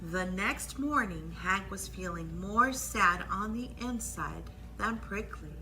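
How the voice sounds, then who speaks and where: This library storytime reader, a woman with a mid-range voice, brings a picture book to life expressively and stops now and then to point out the illustrations. The recording is rough.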